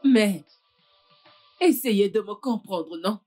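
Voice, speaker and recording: A husky, pleading mother. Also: mid-range voice, expressive, takes it slowly, dark tone, faint music behind. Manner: pleading, soothing. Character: pleading mother, calming her children. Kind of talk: French film dub.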